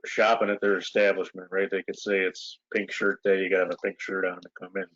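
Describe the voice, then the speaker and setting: Talking fast in a low voice, this man leads a village board meeting by video call, relaxed and rambling with plenty of fillers. The call audio is muffled and lo-fi.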